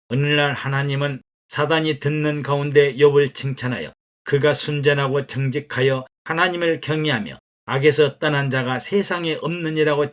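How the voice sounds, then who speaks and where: Man reading a steady sermon. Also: a little high. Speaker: pastor. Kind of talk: read sermon narration.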